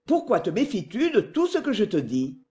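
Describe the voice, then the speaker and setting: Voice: medium pitch, wildly swooping pitch, normal speed, mellow. A narrator voicing a middle-aged man who presses his sister with insistent, falsely tender talk. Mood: wheedling.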